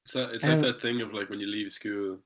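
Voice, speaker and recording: A man's voice: lowish voice, a little fast. A man chatting casually in an interview as a band member, searching for his words.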